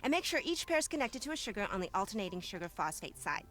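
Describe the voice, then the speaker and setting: A woman's voice: medium pitch, big pitch swings, fast talker, over music, close to an everyday voice. A woman voicing a self-assured, bossy teenage overachiever in a video game, with a buzzy, bee-like voice. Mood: breezy, bossy. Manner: breezy, confident, bossy. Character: chirpy, self-assured teenage schoolgirl student, academic overachiever.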